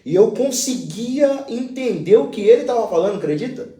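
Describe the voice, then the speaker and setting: A man's voice: very high-pitched, animated, moderate pace, warm tone, echoey room, far from the mic. A man, a pastor, sharing a friendly personal story in conversation. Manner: friendly, tells personal stories. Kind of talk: conversational anecdote.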